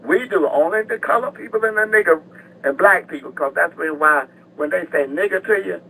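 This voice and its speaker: An older man calling in to a radio show, talking in a halting, rambling way and repeating words. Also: high-pitched, creaky, sharp tone, slightly rough. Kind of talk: rambling live radio call-in. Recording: distant, noisy phone call to radio.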